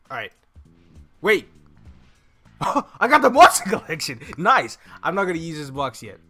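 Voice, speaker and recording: Speaking in a slightly high, sharp voice, this young gaming host narrates an informal walkthrough step by step. His desk mic sits close to his mouth in a home room, and game music plays faintly underneath.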